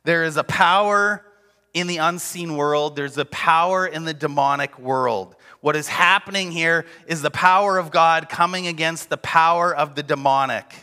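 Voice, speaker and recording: A man's voice: fairly high pitch, bright, forceful tone, in a large hall. A man preaching a sermon, emphatic and driving home repeated refrains. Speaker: pastor.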